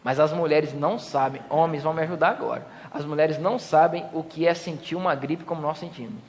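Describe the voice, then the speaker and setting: A Brazilian man gives a joking sermon from a church pulpit. He has a high voice and acts out small scenes with playful voices. His voice rings with the long echo of a church hall. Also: fairly even intonation, a little fast. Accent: Brazilian Portuguese. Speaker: pastor. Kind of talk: humorous sermon.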